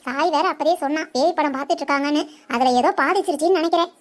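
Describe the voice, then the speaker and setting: A high-voiced cartoon daughter-in-law, voiced by a woman. She speaks in a matter-of-fact, dismissive way, with dry humour. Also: rapid-fire, close to an everyday voice. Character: sensible, dry-witted young daughter-in-law.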